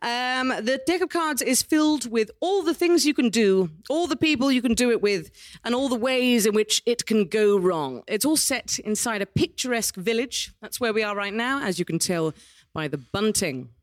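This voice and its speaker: A woman's voice: fairly high pitch, animated, moderate pace. A woman with a British accent hosting a live game show on stage, ad-libbing with playful, quirky asides. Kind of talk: light, ad-libbed live stage presenting. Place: small theatre stage in front of an audience.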